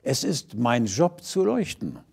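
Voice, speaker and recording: A man's voice: medium pitch, very animated, takes it slowly, creaky, darkish tone, husky, full character voice. A man voicing a tiny, naive young star in a storybook reading, asking innocent, wondering questions. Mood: curious.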